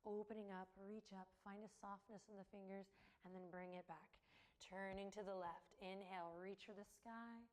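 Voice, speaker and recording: A young adult woman leading a yoga class, giving calm, encouraging cues timed to the breath, with a light laugh now and then. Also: medium pitch, moderate pace. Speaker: yoga teacher. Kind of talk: guided yoga class instruction.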